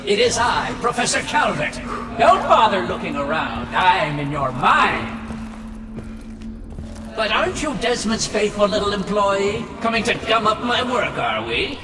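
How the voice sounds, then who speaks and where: A man's voice: high-pitched, big pitch swings, unhurried. A man playing a pompous, condescending disembodied villain professor in a video game, his voice reverberant and theatrical. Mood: smug scheming. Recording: echoey, long reverb, distant, music behind.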